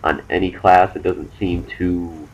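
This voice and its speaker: Fast-rambling young man, deep voice. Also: level tone, a little hiss or hum, rough recording. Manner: fast, rambling, with many fillers and restarts. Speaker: gaming commentator. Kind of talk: gameplay commentary.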